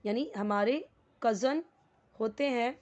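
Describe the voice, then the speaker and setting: A woman's voice: a little high, darkish tone, lo-fi sound. Woman teaching step by step. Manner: mixes Hindi and English, reads sentences slowly then explains word by word. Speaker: English teacher. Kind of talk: explaining a lesson.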